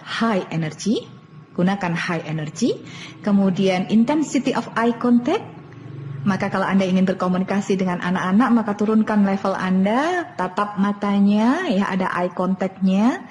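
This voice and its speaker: A woman's voice: medium pitch, darkish tone. A woman presenting an online parenting lesson, explaining step by step and repeating key points. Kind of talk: online lecture. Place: online webinar. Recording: long reverb, faint background noise.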